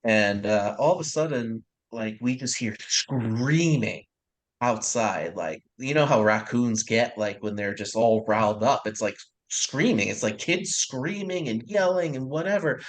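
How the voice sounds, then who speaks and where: A man's voice: mid-range voice, measured pace, poor audio. A man from the New York area, a podcast co-host, telling a funny story in casual chat. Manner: laughing, energetic storyteller.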